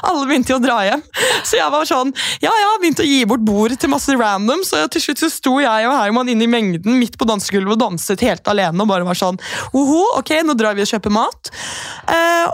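A young Norwegian woman with a high voice that swoops up and down as she acts out every line of a story. She laughs often and plays the other people in her tale. The sound is dry and close. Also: no echo. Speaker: podcast co-host. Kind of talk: casual chat.

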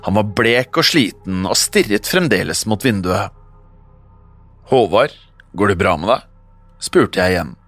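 Low-voiced man narrating a horror story. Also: fairly bright tone, no room sound.

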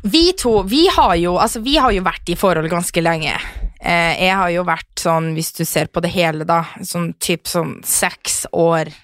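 Chatty woman co-host, lively storyteller, dry close sound. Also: dry recording. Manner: animated, acts out quarrels in a shrill voice. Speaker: podcast co-host. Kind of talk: casual chat.

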